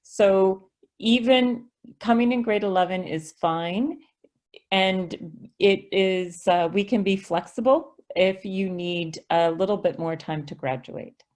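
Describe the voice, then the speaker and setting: A woman from a school district takes questions over an online video call, reading each one and answering in a patient, explanatory manner for a webinar Q&A. She uses a medium pitch, a slow pace, and a slightly mellow tone.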